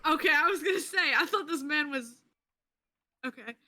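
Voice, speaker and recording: A woman's voice: high voice, animated, normal speed, pushed and bright. A woman chatting casually as a player in a tabletop role-playing game, wry and informal. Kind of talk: casual improvised role-play chat.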